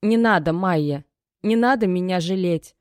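A woman's voice: fairly low pitch, normal speed, a little mellow, no room sound, close to an everyday voice. A woman reading an audiobook and voicing a desperate young mother whose dry, cracked voice trembles as she pleads and reproaches. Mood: tearful, reproachful. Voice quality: dry, cracked, tear-worn voice. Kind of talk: audiobook character voice.

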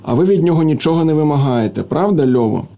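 A spirited young hostess, exclaiming and commanding in a playful way, as a male reader puts her on. The voice sits a touch higher than his usual, in a mellow, dark tone. It stays an everyday reading voice rather than a full character. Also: expressive, quick pace, gravelly. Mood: teasing. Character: lively young hostess, teasing and bossy.

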